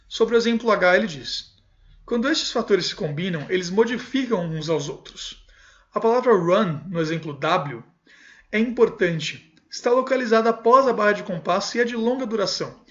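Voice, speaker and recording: A man with a fairly high voice teaches a music lesson. He reads textbook passages aloud and then explains each one in a relaxed, conversational way. The recording sounds dull and lo-fi. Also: moderate pace.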